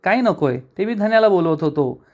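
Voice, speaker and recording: A man's voice: high voice, lively intonation, brisk. A man retelling a TV serial scene, voicing a fussy, grumbling old father. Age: older.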